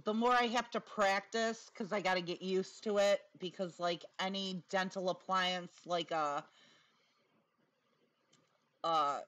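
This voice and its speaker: Slow-talking woman with a whistling lisp. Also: medium pitch, steady tone, a bit bright. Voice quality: lisp with whistling s from new dental appliance. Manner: sarcastic, blunt. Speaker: commentator. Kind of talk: casual opinionated commentary.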